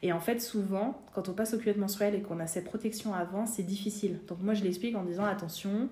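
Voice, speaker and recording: A woman's voice: mid-range voice, fairly even intonation, fast talker, warm tone, reverberant. A woman guest in a casual interview, explaining her craft with many fillers and restarts. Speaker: guest, seamstress and designer.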